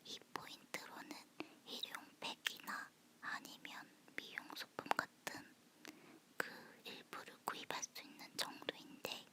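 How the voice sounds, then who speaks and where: Woman, close leaned-in whisper, ASMR chat, very slow pace, soft delivery. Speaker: ASMR host.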